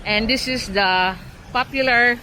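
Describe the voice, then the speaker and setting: A woman's voice: fairly high pitch, unhurried, sharp tone. A woman with a Cebuano Filipino accent giving a casual walking street tour, her articulation slightly impeded by new braces. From Cebu, Philippines. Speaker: vlogger. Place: outdoors on a busy city street. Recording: noisy outdoor street with traffic.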